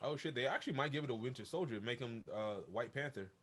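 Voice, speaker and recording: A man's voice: mid-range voice, fast, a bit bright. A man co-hosting a podcast, chatting casually in a laid-back, joking way. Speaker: podcast co-host. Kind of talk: casual chat.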